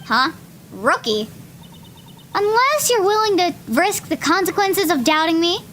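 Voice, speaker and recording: A woman's voice: very high-pitched, big pitch swings, measured pace, a bit bright, a little hiss or hum, pitched above the performer's own voice, exaggerated voice. A woman reading aloud as a haughty, taunting female lunch lady witness in a courtroom game. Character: sharp-tongued adult female ex-detective lunch lady witness.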